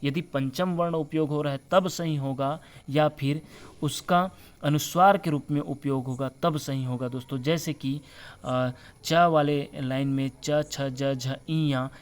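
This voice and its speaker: A man teaching a spelling lesson over slides, slowly spelling out letters and often reminding viewers to remember. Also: fairly high pitch, fairly even intonation. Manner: repeats the word for friends and reminds viewers to remember; slow deliberate spelling-out of letters. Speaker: Hindi teacher.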